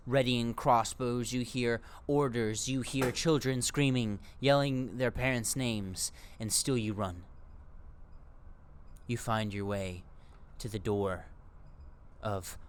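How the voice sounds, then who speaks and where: A man's voice: mid-range voice, slight background noise. A man narrating a tabletop game as game master, descriptive and paced with frequent fillers.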